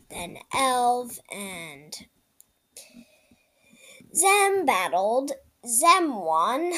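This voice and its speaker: A woman narrating an improvised story in a halting way, often dropping into a whisper. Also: fairly high pitch, a bit bright.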